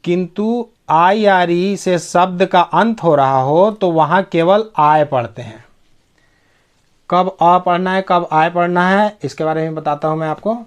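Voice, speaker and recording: A man teaches English pronunciation in a deliberate, unhurried way. His voice sits a little high for a man, and he spells each word out letter by letter and repeats it. He keeps checking that his students are following along. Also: clear, resonant tone.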